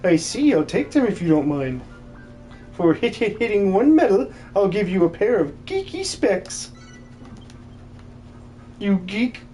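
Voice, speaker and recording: The performer gives a very animated but measured reading, pausing often, in a mellow mid-range voice over soft background music. The role, for a video game dub, is a jolly, fussy old hermit. He is excitable, with a stutter that repeats words three times.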